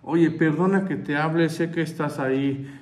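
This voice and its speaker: A man voicing a chatty wife who coaxes her husband over the phone with sweet, quick requests, in a Mexican accent. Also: on the high side, fairly even intonation, pitched above the performer's own voice, close to an everyday voice. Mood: coaxing.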